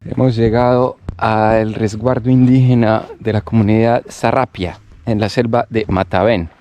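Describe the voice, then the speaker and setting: A man hosting an expedition on location, explaining the places he visits in unscripted travel presenting. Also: clean tone. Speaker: travel host. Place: outdoors on location. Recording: loud rumble and rushing outdoor noise.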